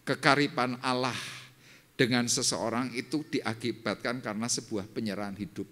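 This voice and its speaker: An older man, a pastor, preaching a sermon and telling his own testimony, dropping to low murmurs and rising to loud, high exclamations. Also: fairly even intonation, moderate pace. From Indonesia. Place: church service.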